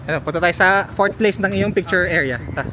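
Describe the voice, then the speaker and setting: Filipino guy doing a casual vlog, kinda high voice, talks real quick. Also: noisy background. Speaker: vlogger.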